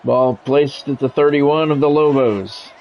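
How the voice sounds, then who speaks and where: With a mid-range voice and a slightly slow delivery, a man commentates live over a football video game as some chatter goes on behind him. He speaks in terse announcer phrases and candid asides, recorded on a dull, lo-fi mic with faint background noise.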